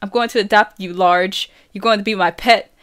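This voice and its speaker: A woman voicing a rowdy, joking teenage boy in an audiobook reading, loud and playful. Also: mid-range voice, steady tone, moderate pace, natural voice.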